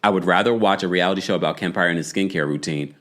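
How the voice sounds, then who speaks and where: In a low voice, a man hosts a casual reality-show recap live. He's lively and gossipy, with quick side comments directed at his chat.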